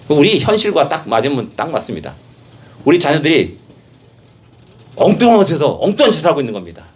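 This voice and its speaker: A male pastor preaching a sermon, emphatic, with rhetorical questions and repeated phrases, swinging from soft passages to loud exhortation. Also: fairly low pitch, slight background noise.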